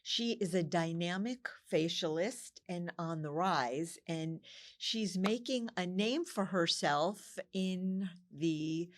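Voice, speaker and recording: A woman hosts a local news interview, introducing her guest and asking friendly follow-up questions. Her voice sits a little low. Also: takes it slowly. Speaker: host of a community news show. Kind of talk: interview hosting.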